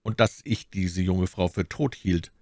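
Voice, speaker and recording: A man's voice: low voice, fairly even intonation, measured pace, darkish tone, no echo, studio quality. A man voicing a bold young officer who speaks in a stern, commanding way in an audiobook.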